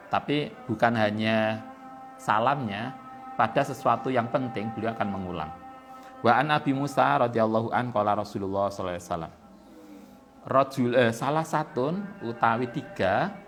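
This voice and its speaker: A man with a Javanese accent teaching a religious text, reading Arabic and glossing it in Javanese in a relaxed, talky way. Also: lowish voice. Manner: explains in plain talk with Javanese word-by-word glosses of Arabic text, many fillers. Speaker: kitab teacher at an Islamic boarding school. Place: boarding school study hall.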